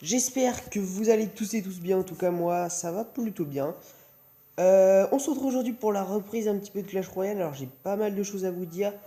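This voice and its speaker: His mouth still sore from having his wisdom teeth out, a young man hosting a gaming video rambles in casual, halting commentary over background music. The voice sits high, with a dark tone and a brisk pace.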